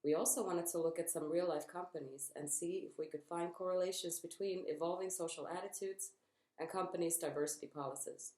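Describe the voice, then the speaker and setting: A young woman, a student reading her part of a group presentation in a measured, formal way. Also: fairly low pitch, steady tone, dark tone. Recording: echoey room.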